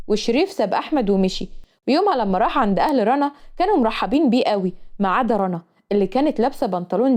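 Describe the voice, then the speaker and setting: A woman with an Egyptian accent narrating a story in a brisk, plain way. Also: a little high, mellow. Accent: Egyptian Arabic.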